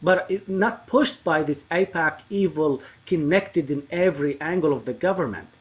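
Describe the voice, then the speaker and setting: A man's voice: fairly high pitch, lively intonation, moderate pace. A man from Iraq, a guest on a live stream, talking politics earnestly and insistently with many fillers and restarts. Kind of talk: impassioned political talk.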